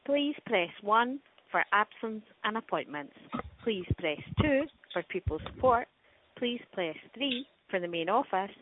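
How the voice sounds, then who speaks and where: A woman's recorded voice on an automated phone menu, its words spliced together from separate recordings and read out slowly and evenly. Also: medium pitch, expressive, background noise. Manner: slow, measured announcing of menu options. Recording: tinny, dry phone line.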